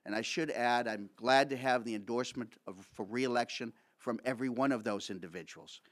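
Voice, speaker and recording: Middle-aged man reading a formal statement. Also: medium pitch. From Massachusetts. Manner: reads from notes, measured and formal. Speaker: candidate. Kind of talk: prepared opening statement. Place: school meeting room, seated at a table. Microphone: table microphone.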